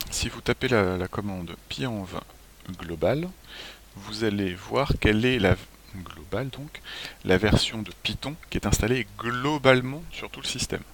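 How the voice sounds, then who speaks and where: A man presenting a software tutorial as a screencast walkthrough, relaxed, often clearing his throat and restarting phrases. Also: fairly low pitch, a little slow, long pauses. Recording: faint hiss.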